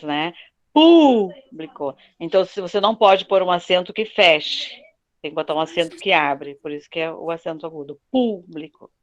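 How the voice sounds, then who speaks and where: A woman's voice: fairly low pitch, dull audio. Patient woman teaching pronunciation. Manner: patient, repeats words slowly to model pronunciation. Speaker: Portuguese teacher. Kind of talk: online class explanation. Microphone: video call.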